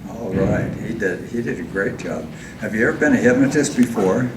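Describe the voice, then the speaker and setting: A man with a lowish voice hosts a live stage hypnosis show. He coaxes volunteers through suggestive instructions, step by step. The sound is distant and echoey, with clear background noise. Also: normal speed. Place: large echoey indoor venue with audience. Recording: echoey hall from far off, noisy background.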